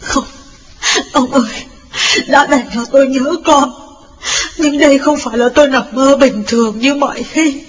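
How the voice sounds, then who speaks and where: A man's voice: very high voice, moderate pace, a bit bright, pitched above the performer's own voice. A man voicing a sobbing grieving mother in her fifties. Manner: sobbing, stammering pleas.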